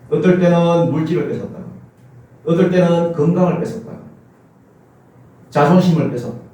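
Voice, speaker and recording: Echoey Gyeongsang-accented preacher, lively high pitch. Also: male voice. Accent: Gyeongsang Korean. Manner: preaching with rhetorical questions to the congregation. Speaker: pastor. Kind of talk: sermon. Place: church sanctuary. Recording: very echoey church hall, mic at a distance.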